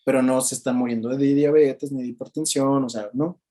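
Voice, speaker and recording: A man with a Mexican Spanish accent gives a chatty, casual book commentary, keeps asking "¿no?" and jumps up in pitch to act out quoted people. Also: steady tone, fairly quick, warm tone. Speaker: book reviewer.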